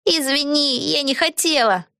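A woman's voice: high voice, unhurried, sharp tone, dry recording, clean studio sound, pitched above the performer's own voice, heavily acted. A woman reading a storybook aloud and voicing an eager, cheerful young girl witch in a raised voice. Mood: flustered. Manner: eager, chatty.

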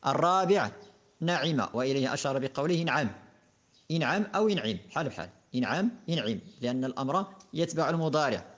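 A man's voice: mid-range voice, quick pace. A man teaching a lesson on verb morphology, methodically working through conjugations one form after another. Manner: methodical, reciting verb conjugations in steady patterns. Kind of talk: classroom lesson explaining a grammar poem.

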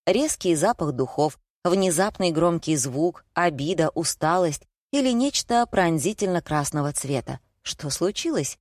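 A woman narrating a first-person story with a wry, ironic touch. Her voice sits somewhat low. The studio recording is dry and close. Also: expressive, measured pace, few pauses, a little mellow, no echo. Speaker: audiobook narrator.

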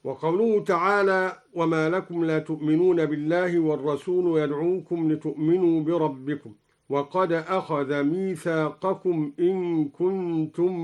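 A man with a fairly high voice speaks very slowly as a recitation scholar, walking through each variant reading. He breaks into measured, melodic chanting whenever he quotes a verse.

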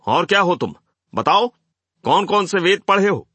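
A man voicing a hostile crowd of men who jeer and shout at a speaker in an audiobook. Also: mid-range voice, expressive, measured pace, vocal fry, no room sound, full character voice. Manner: jeering, shouting.

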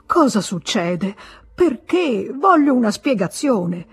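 A woman's voice: medium pitch, very animated, extremely slow, mellow, slightly rough, dry recording, heavily acted. Woman reading as a frantic pleading husband. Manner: pleading, panicked outbursts.

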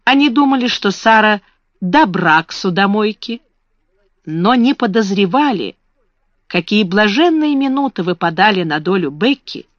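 A narrator reading a classic children's story aloud in an even, measured way. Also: medium pitch, dry recording. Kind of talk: audiobook reading. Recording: dull lo-fi dry recording.

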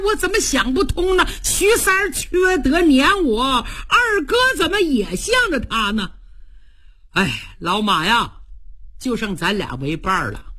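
A woman's voice: sits high, exaggerated voice. A woman playing a blustering hot-tempered general. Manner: indignant, quick, loud complaining.

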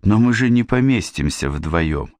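A shy, earnest young queen who speaks quickly and apologetically, as a male narrator reads her. The voice stays very deep and only lifts a little for her. It is recorded close and dry. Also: animated, no room sound. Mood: sheepish. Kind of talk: audiobook character reading.

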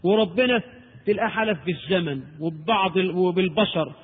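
A man preaching a lecture in Egyptian Arabic, animated and rhetorical, asking and answering his own questions. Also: sits high, fairly quick, slightly rough. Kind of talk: recorded Islamic lecture. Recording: tinny old tape in a reverberant hall.

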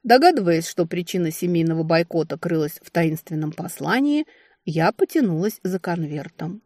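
A woman narrating a fantasy novel in a wry, expressive storytelling manner, recorded on a close mic. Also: on the low side, moderate pace, no echo. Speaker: audiobook narrator.

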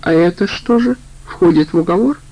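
A brusque, guarded male criminal snaps short replies in a crime audiobook, as a woman reads him. The tone is dark and slightly gravelly. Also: lowish voice, moderate pace, low-quality recording. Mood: curt. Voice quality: curt, brusque.

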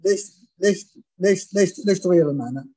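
A man teaching Quran recitation, explaining and demonstrating common pronunciation errors in a halting, filler-heavy way. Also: high voice, dark tone, slightly rough. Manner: hesitant, many fillers and restarts, demonstrates pronunciations aloud.

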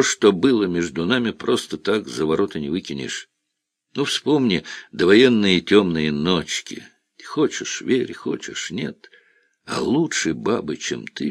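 A hard, boastful middle-aged man from a spoken storybook, read by a man. He talks deep and gruff with a swaggering manner. The sound is dry and close. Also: big pitch swings, a little slow, dry recording, exaggerated voice. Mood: coaxing.

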